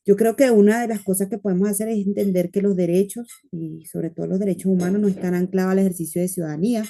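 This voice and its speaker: A woman's voice: mid-range voice, fairly even intonation, fast talker, warm tone. A woman speaking as a panelist, earnest and anecdotal, often using fillers. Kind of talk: panel discussion talk.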